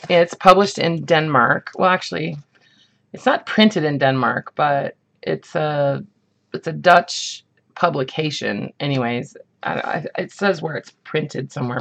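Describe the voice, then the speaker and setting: A craft vlogger shows off her haul in a casual show-and-tell, talking in a relaxed, rambling way packed with ums and likes. Her low voice is husky from the morning, with a gravelly fry underneath.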